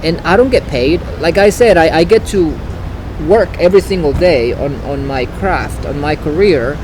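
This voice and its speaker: Salvadoran man, actor being interviewed, earnest and a bit halting, recorded outside by busy traffic. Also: a little high. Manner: earnest, repeats words when starting sentences. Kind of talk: casual interview talk. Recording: outdoor recording with traffic noise.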